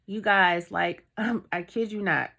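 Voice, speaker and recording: Woman vlogger, casual story time, chatty and heartfelt, gravelly edge, mid pitch. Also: steady tone, a little slow, bright, forceful tone. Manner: heartfelt, chatty, full of fillers.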